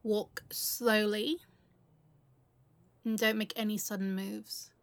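A woman playing a seductive, commanding bank robber in an intimate ASMR role-play, with breathy, sultry pillow talk and lingering pauses. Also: mid-range voice, steady tone, dry recording, full character voice. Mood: teasing, commanding.

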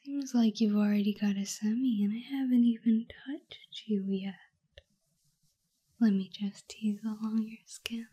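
A young woman whispering softly and teasingly into a close microphone in an intimate roleplay. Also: a little high, steady tone, normal speed, hardly any pauses. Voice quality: breathy. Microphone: close sensitive mic.

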